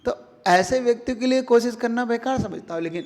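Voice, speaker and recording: High-pitched guy preaching a sermon, keeps asking the crowd questions, big echoey hall. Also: fairly quick. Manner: animated, rhetorical questions to the audience. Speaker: Jain monk preacher. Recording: long hall reverb.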